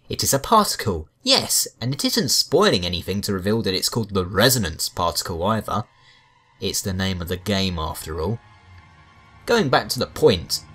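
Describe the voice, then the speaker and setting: This scripted video game review comes from a man with a medium-pitched, fairly bright voice. His delivery carries wry, sarcastic asides, with music running in the background.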